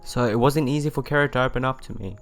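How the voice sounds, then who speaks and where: With music in the background, a man reads through a visual novel fast in a medium-pitched voice. Along the way he makes offhand comments and trips over some words, backing up to say them again.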